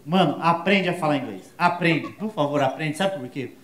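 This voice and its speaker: A Brazilian man with a Brazilian accent doing a stand-up comedy set, animated and full of crude slang, shouting his punchlines. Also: on the high side, normal speed, reverberant. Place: comedy show stage before an audience.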